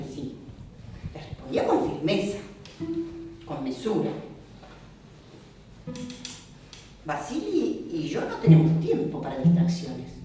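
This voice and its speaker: In a one-woman play on a theatre stage, an Argentine-accented actress gives a theatrical monologue as Olga, a prim, theatrical middle-aged wife devoted to her husband, sounding firm here. She is expressive, mimicking sounds and shifting pitch for emphasis. Her female voice is far from the mic in an echoey recording made from afar with music.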